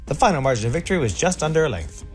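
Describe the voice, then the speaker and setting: Animated male sports presenter over music. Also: fairly high pitch, racing. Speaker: racing show presenter. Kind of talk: scripted narration of race results. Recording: music bed behind the voice.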